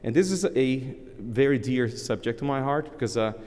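At a lectern in a large conference hall, a man in his thirties who is a native Portuguese speaker gives a relaxed live technical talk. His mid-range voice moves at a moderate pace, with many fillers and restarts.

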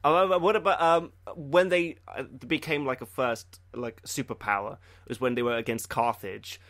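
A man's voice: mid-range voice, steady tone, moderate pace, a bit bright, dry recording. A young man hosting a podcast, chatting casually in a rambling way, stammering and filling his sentences with "like" and "you know". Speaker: podcast host.

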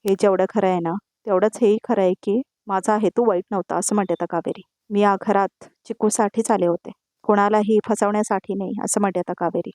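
A woman's voice: medium pitch, fairly even intonation, fairly quick, a little mellow, dry recording, studio quality. A woman giving a voice-over recap of a TV serial, retelling each scene's dialogue one line at a time and turning to address the viewers directly.

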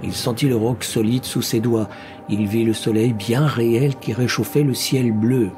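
A man narrating a science fiction story as an audiobook reader, with a measured, dramatic delivery. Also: mid-range voice, fairly even intonation, a little mellow, faint music behind. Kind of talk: scripted narration.

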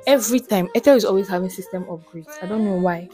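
A young woman in her student vlog talks casually straight to her phone camera, chatty and relaxed, from a small apartment room and kitchen. Her mid-range voice moves fast, with faint music behind it and a rough recording.

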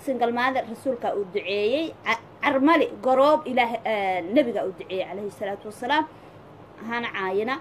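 A woman's voice: a little high, fast talker. A woman with a Somali accent giving casual, opinionated advice in an emphatic, pleading way, repeating phrases for stress. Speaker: social media commentator giving advice. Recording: clear background noise.

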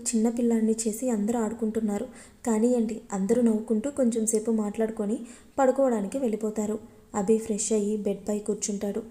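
A woman's voice: medium pitch, warm tone. A woman with a Telugu accent reading a love story aloud, voicing each character herself. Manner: reads all characters in her own voice, with dialogue tags. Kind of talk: storytelling narration.

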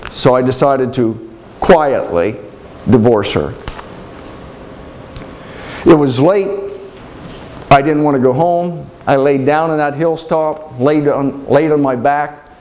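Male actor as Joseph: earnest, halting, emotional monologue; light hiss. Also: medium pitch, a little mellow, close to an everyday voice, low-quality recording. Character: Joseph, troubled carpenter, earnest adult man. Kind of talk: dramatic monologue storytelling.

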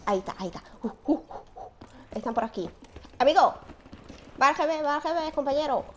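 Gamer puertorriqueña joven, comentario excitable de partida, tono muy animado, grabación con ruido del juego. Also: female voice, sits high, a little fast, noisy background. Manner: excitable, shouts and shushes as she plays. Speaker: gaming channel host. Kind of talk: live gameplay commentary.

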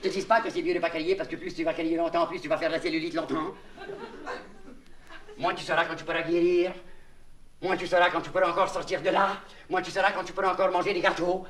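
A man's voice: on the high side, flat delivery, fast talker, close to an everyday voice. A man playing a naive vagabond clown, Québécois. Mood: rambling, confiding. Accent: Québécois French. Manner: mangled words and puns, confiding to the listener. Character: naive childlike male vagabond clown, rambling. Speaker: comedian. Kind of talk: comic monologue in character. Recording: echoey, distant, noisy old LP recording.

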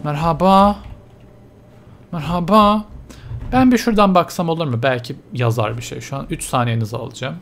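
A man's voice: mid-range voice, very animated, fast talker, vocal fry, few pauses, a little hiss or hum. A man commentating a horror video game, nervous and muttering to himself as he plays. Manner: jittery, mutters to himself while playing. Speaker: let's play gamer.

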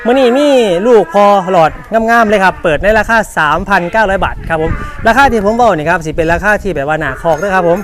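A man with an Isan Thai accent works as a livestock seller on a live sale. His voice sits high and the pitch comes quickly, in polite phrases that he often repeats. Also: fairly bright tone. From northeastern Thailand. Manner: polite, repetitive, ends phrases with polite particles. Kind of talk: fast live sales pitch.

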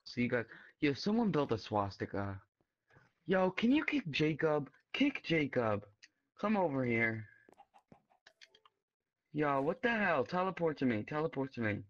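A man's voice: on the high side, very animated, measured pace, long pauses, muffled recording. A man in a game chat, insistent and urgent, repeating himself. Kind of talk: casual gameplay chat.

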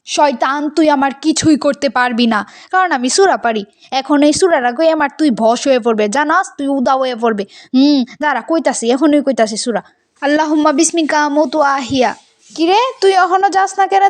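Lady doing a naive cartoon schoolgirl, high voice, plaintive n chatty, bangladeshi regional bengali accent. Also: normal speed, close to an everyday voice. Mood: defiant. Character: naive, excitable, fretful schoolgirl. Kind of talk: amateur cartoon dubbing.

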